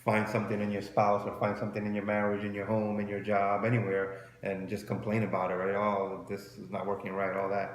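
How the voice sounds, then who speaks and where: In a roomy, echoey space with faint noise behind him, a man in his forties co-hosting a marriage advice show talks conversationally, often rewording his points. His voice is lowish and monotone, and he speaks slightly quickly, pausing only a little.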